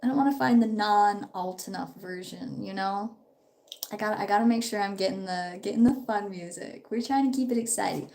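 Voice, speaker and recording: Brisk and warm with vocal fry, a mid-range female voice carries over slight background noise. The speaker, in her twenties and feeling a little sick, chats in a rambling, upbeat way while putting on makeup for a laid-back stream at home in her parents' house.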